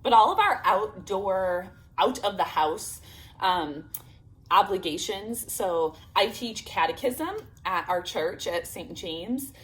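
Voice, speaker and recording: With poor audio, an upbeat homeschool vlogger in her thirties from Illinois, United States, talks casually to camera, filling her speech with fillers. Her mid-range, fairly bright voice moves slowly with lively intonation, though a sore throat is audible.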